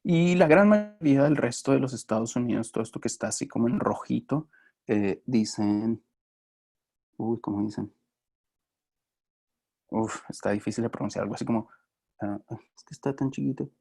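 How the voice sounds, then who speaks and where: A man's voice: medium pitch, normal speed, gravelly, long pauses, a little mellow. A man giving a phonetics lesson, hesitant, with many fillers and restarts, often checking in with his students. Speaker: phonetics teacher. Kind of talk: recorded lecture.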